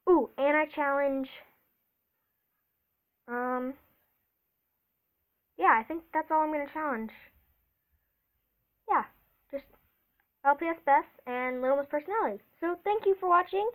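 A woman's voice: sits high, unhurried, long pauses, low-quality recording. A woman vlogging a casual taste test, chatty and eager, reacting aloud as she tries each one.

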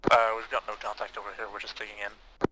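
Brief: man on a noisy radio channel, heard from a distance, fast, clipped squad report. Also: lowish voice, monotone. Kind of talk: military radio chatter.

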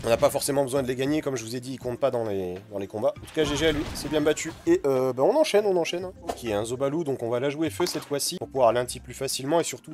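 A man talks quickly and casually over his gameplay, at an ordinary pitch for a man. He chats straight to his viewers as he plays. Faint music runs behind his voice. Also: darkish tone. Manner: fast, chatty, talks to viewers while playing. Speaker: gaming video creator. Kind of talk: casual game commentary.

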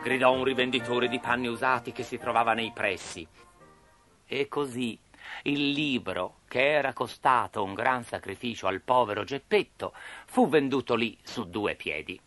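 A man narrating a storybook, lively and expressive. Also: medium pitch, moderate pace, soft background music.

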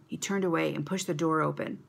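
A woman reading a children's story aloud to a church kids' club, expressive and animated. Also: deep voice, fairly quick, gravelly.

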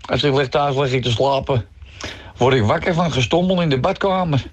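A man's voice: medium pitch, steady tone, a little fast. A middle-aged man with a Dutch accent telling jokes on a radio show, switching voices for the characters. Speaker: joke teller on radio show.

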